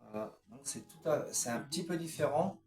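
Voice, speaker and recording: A man's voice: fairly high pitch, animated, normal speed, creaky, darkish tone, echoey room, faint music behind. A man in a casual home video showing his CD collection, talking hesitantly with many fillers as he lists song titles. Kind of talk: casual unscripted collection vlog.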